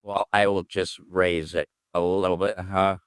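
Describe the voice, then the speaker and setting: A man with an extremely deep, smooth and resonant voice talks himself through a coding session in a casual way. He mutters, hums and trails off as he thinks aloud. The recording is dry and close, with no room echo. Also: little pitch movement, measured pace. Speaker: programmer streaming his coding work.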